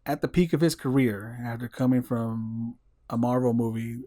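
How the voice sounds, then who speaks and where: A man's voice: mid-range voice, fairly even intonation, moderate pace, warm tone, no echo, studio quality. A man co-hosting a casual podcast in a laid-back way, often trailing off. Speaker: podcast co-host. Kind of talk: casual chat.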